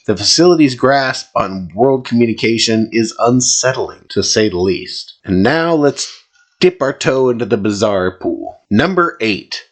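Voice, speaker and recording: A man's voice: mid-range voice, expressive, unhurried. A man co-hosting a podcast, reading a top ten countdown in a lightly playful way. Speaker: podcast co-host.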